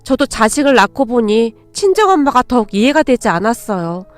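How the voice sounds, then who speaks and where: A woman's voice: a little high, big pitch swings, a little fast, dry recording, faint music behind. A woman narrating a dramatic first-person family story with emotion.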